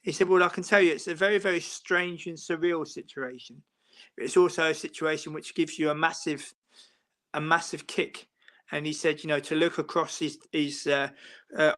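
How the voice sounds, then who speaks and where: Speaking at a normal speed in a slightly high, pushed and bright voice with fairly even intonation, a man from England who interviews about football rambles at length during a casual live-stream chat. His long answers are packed with fillers and restarts.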